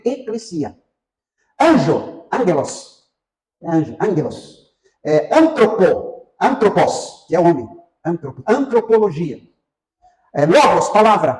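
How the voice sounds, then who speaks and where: Brazilian man, Bible class teacher, chatty lecture with fillers, high animated voice, echoey room. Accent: Brazilian Portuguese. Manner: conversational, asks the class questions, many fillers. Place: church classroom.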